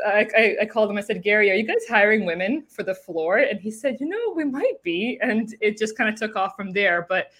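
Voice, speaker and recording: A woman's voice: mid-range voice, fairly bright tone. A woman in her thirties from Serbia, telling her story as a podcast guest in a chatty way, with many fillers and restarts. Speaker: podcast guest, car saleswoman. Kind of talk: casual interview chat.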